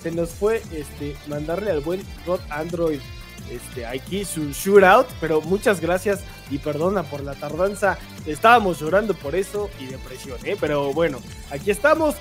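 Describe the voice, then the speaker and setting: A high-pitched man co-hosts a relaxed gaming show. He talks in a joking, chatty way, leaning on filler words. Faint music plays underneath. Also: moderate pace. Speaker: co-host. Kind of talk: casual gaming commentary chat.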